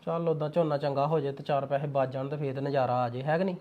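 A man's voice: medium pitch, fairly even intonation, phone-quality sound, natural voice. An actor playing a young Punjabi farmer with a Punjabi accent, talking with his mother and wife in a family drama. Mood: calm. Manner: fast, assertive, dismissive when irritated. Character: young Punjabi farmer, stubborn, short-tempered husband. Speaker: young farmer son and husband. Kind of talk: Punjabi web drama acting.

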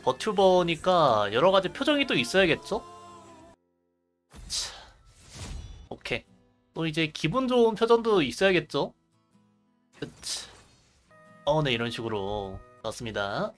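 Male streamer, fairly high voice, very animated intonation, casual gameplay commentary, short exclamations, close mic. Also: measured pace, long pauses, soft background music. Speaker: livestreamer.

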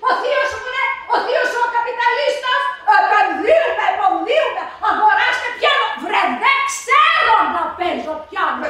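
Woman acting as a mocking quarrelsome wife, very high, bright voice, echoey hall. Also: sing-song, hardly any pauses, distant mic, heavily acted. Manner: mocking, laughing, mimicking others. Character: mocking wife arguing with her husband. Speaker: amateur stage actor. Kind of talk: live amateur stage play. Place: theatre stage. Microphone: distant room mic.

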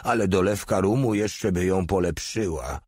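A man's voice: low voice, moderate pace, darkish tone, slightly rough, no echo, clean studio sound. A man voicing a huge, crude, hot-headed male soldier in an audiobook reading, blunt and brash. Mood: mocking.

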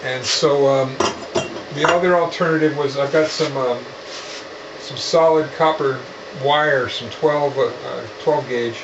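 A man calmly talking through a home radio antenna build, halting and full of fillers and restarts. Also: medium pitch, reverberant. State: out of breath. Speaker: amateur radio hobbyist. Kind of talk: casual filmed project walkthrough. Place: house, moving between rooms. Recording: dull lo-fi with clear noise.

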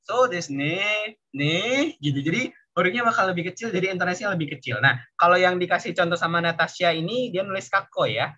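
A man's voice: high voice, fast talker, bright, forceful tone, slightly rough. A man mentoring an online Japanese class, explaining patiently in a casual way and ending his sentences with a questioning tag. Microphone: video call. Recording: dull lo-fi video call audio.

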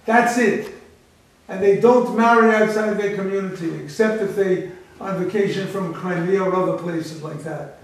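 A man's voice: sits high, normal speed, a little hiss or hum. A man from the United States, a rabbi giving a public lecture with emphatic rhetorical questions. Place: large echoey library hall. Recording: echoey hall from far off.

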